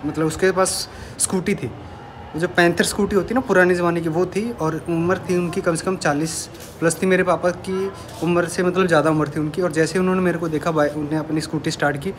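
A young man talking casually to camera in a vlog, chatty, showing viewers things around his home. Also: a little high. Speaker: vlogger. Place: at home, indoors and by a parked bike.

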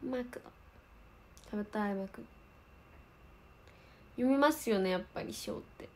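Her mid-range voice has a dark tone and moves fairly quickly. An idol livestream host in her twenties from Osaka, Japan, she chats casually in a light Kansai accent while responding to comments from her viewers.

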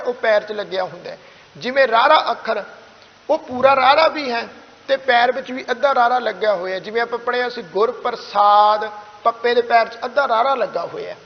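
A man with a Punjabi accent teaching the correct pronunciation of scripture, chanting lines slowly and then explaining them in a soft conversational tone. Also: extremely high pitch. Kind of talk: slow, careful recitation and explanation. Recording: dull, slightly lo-fi sound with long reverb.

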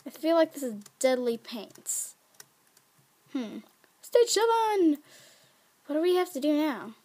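A woman giving casual, excitable commentary while playing a game, chatty and prone to squeals. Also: high-pitched, measured pace. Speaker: gaming video creator.

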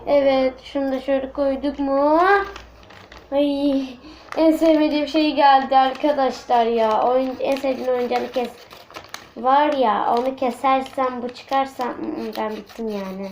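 A young woman vlogging at home, chatty and excitable, talking straight to her viewers. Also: high-pitched, measured pace, poor audio. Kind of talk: casual home vlog. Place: at home indoors.

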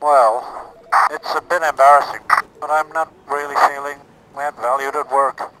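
A man playing a disillusioned, hapless Imperial soldier in a comic parody film, hesitant and deadpan, his voice filtered as if from inside a knight-like helmet. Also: fairly high pitch, moderate pace, very noisy. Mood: glum, hesitant. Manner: hesitant, deadpan, polite and self-doubting. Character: disillusioned, hapless Imperial Stormtrooper seeking a new career.

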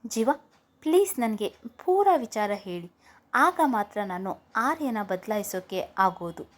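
A woman voicing a kind, hurt but determined young wife who speaks softly in a storybook reading. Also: medium pitch, expressive, measured pace.

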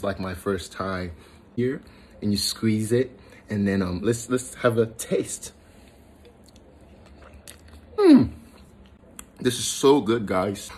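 A man vlogging casually to camera as he tries a dish for the first time, excited and halting, with lots of restarts and fillers. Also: on the low side, slightly rough. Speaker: food vlogger. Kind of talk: casual food vlog to camera. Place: in Ghana.

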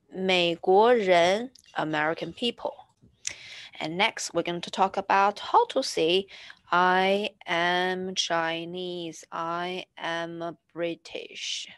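A woman teaching a beginner Chinese lesson, patiently repeating each word slowly as she explains. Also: lowish voice, dry recording. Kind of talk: slow screen-share language lesson.

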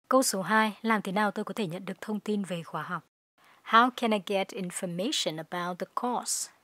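A woman with a Vietnamese accent teaching English pronunciation, explaining each word and reading phrases slowly for listeners to repeat. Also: medium pitch, a bit bright, no echo. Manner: slow clear model readings of English phrases. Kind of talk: pronunciation lesson.

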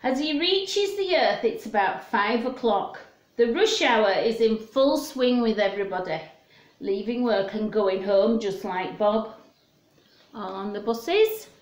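A woman in her fifties hosts story time for young children from a small room at home, speaking simply in a sing-song way and asking questions. Her voice is a little high and unhurried, and the home recording sounds roomy and echoey.

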